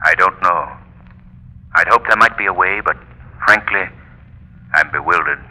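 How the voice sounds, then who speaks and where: An actor playing the Shadow, a calm crime-fighter speaking low and earnest in a 1930s radio drama. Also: male voice, a little slow, heavily acted. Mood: puzzled. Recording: echoey old radio broadcast.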